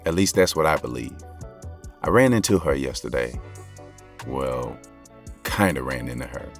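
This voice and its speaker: An American male actor voices a lovestruck, regretful basketball coach in an audio drama, confiding in listeners in slangy, intimate narration that feels earnest. His voice rumbles low and gravelly at a moderate pace, with music playing underneath.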